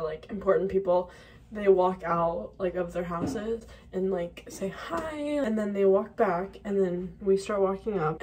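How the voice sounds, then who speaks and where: A young adult woman, a college student going through sorority recruitment, chats casually to her vlog in a girlish way, dropping "like" into nearly every sentence. Her voice is medium-pitched with a dark tone, recorded on a phone held at arm's length or propped nearby, giving low-quality sound with a little hiss or hum.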